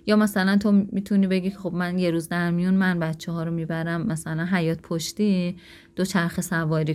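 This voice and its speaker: A woman with a lowish, mellow voice talks listeners through parenting advice. Her manner is direct and coaching, and she now and then slips into short acted examples of what a spouse might say. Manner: direct, coaching, acts out sample lines. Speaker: parenting advisor.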